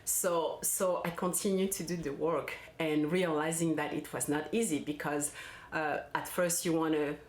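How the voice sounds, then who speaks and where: Woman, 40s, low pitch, casual vlog chat, echoey room. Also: fairly even intonation, normal speed. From France. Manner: warm, chatty, with restarts and fillers. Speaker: parenting coach.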